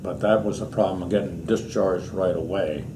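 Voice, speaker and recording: An old American man in his eighties speaks with a fairly low voice. He is a veteran looking back on his past, wandering from one anecdote to the next as an interview guest. The recording has clear background noise and room ambience. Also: fairly even intonation, normal speed. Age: 80s. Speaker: war veteran being interviewed. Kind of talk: reminiscing in an oral history interview.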